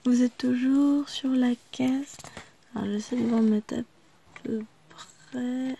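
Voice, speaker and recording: A woman's voice: fairly high pitch, fairly even intonation, takes it slowly, gravelly, dark tone, a little hiss or hum. A woman vlogger chatting casually to her viewers in a rambling way, her voice still breaking now and then after she lost it. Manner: rambling, chatty, many small asides.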